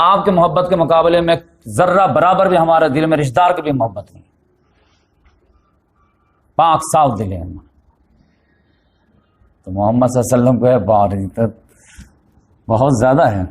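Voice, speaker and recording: Man giving an animated religious lecture. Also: fairly high pitch, pauses often. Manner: storytelling lecture, mixing in English words, rising emphatically in quoted passages. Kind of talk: Urdu religious lecture on the Prophet's life.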